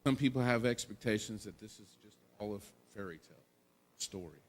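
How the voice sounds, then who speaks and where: A man's voice: on the low side, brisk. A man pastor giving a sermon in a conversational tone, asking the congregation rhetorical questions and adding casual asides.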